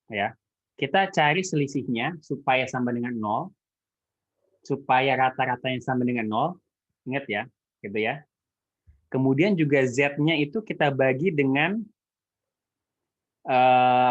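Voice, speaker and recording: A man with a Jakarta Indonesian accent and a slightly imprecise R, lecturing informally and often checking that listeners follow. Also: mid-range voice. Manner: colloquial, checks understanding with frequent tags. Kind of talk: informal online statistics lecture. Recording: echoey, muffled phone-like call sound.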